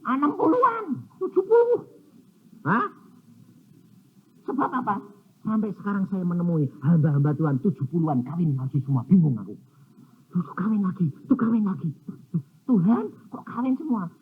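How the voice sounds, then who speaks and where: Animated storytelling preacher, tinny sound. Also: male voice, high-pitched, normal speed. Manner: animated storytelling, acting out both sides of conversations. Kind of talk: sermon. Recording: tinny phone-like sound with faint noise.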